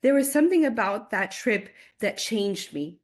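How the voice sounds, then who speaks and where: This forties-aged woman is a guest in a relaxed interview, talking animatedly, frequently laughing, and doubling up on words in her excitement. She speaks at a moderate pace with a medium pitch.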